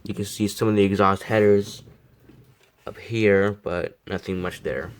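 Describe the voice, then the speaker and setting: A man's voice: lowish voice, fairly even intonation, a little slow, smooth. A young man casually reviewing a model car, rambling, repeating himself and poking fun at himself. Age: young adult. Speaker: die-cast model reviewer.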